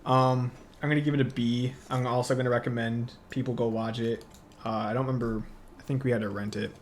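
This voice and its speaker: Chill guy reviewing movies on a podcast, average pitch, laughs easy, bit of hiss. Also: a little fast. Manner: relaxed, laughs often, lots of fillers. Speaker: podcast co-host. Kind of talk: casual movie review chat.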